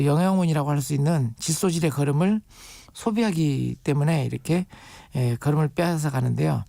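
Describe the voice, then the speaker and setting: A man with a gravelly, mellow voice, explaining soil and crops on a radio interview. He talks patiently and reaches for homely comparisons. The sound is dry and close, with no room echo. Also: a little high. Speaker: urban farming guest expert.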